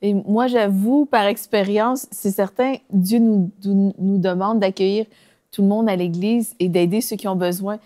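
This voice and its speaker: A woman's voice: mid-range voice, steady tone, measured pace, dark tone. A woman co-hosting a faith talk show, sharing thoughtful reflections.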